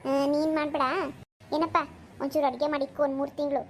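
A woman voicing a bossy older village woman who gives gruff, scolding advice to a new mother in a cartoon. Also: level tone, fast talker, a little mellow, slight background noise, lightly acted. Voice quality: gruff and lower, rustic. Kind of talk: cartoon voice acting.

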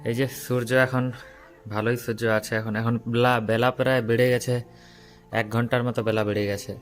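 A man's voice: mid-range voice, flat delivery, moderate pace, soft background music. A man, narrating his household chores in a chatty home vlog. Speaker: family vlogger. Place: home and rooftop.

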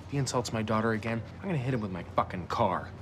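A man's voice: on the low side, animated, very fast, natural voice. Exasperated American dad over noisy background, man acting. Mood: angry. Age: 40s. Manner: defensive, blustering. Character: exasperated, defensive middle-aged father. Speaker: actor. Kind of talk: comedy film acting. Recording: noisy location sound.

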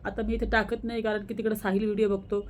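A woman's voice: medium pitch, level tone, fast talker, a little hiss or hum. Worried middle-aged woman vlogger. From Maharashtra. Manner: worried, emotional storytelling. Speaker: family vlogger, mother. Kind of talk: casual vlog talk.

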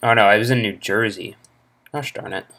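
A man's voice: lowish voice, moderate pace, sharp tone. A young man casually talking through car auction listings at home, rambling with lots of fillers, recorded on a laptop's built-in mic. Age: young adult. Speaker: car vlogger. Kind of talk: casual screen-recorded commentary. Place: home room, indoors. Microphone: laptop internal mic.

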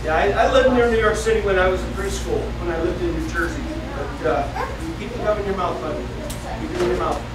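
A man's voice: high-pitched, quick pace, crowd noise. A middle-aged man from the northeastern United States teaching a Bible lesson to children, telling the story and asking them questions as he moves about a church classroom. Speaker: children's Sunday school teacher. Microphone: far camera. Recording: echoey room from far off with noisy background.

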